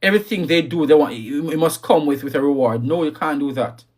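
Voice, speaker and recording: A man's voice: fairly high pitch, fairly quick. A man hosting a live talk on parenting, emphatic and scolding, repeating his key lines and reading viewer comments. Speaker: livestream host.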